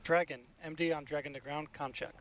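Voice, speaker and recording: A man with a slightly high voice gives short, procedural astronaut radio checks. The loop has faint background noise. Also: steady tone, brisk, rough recording.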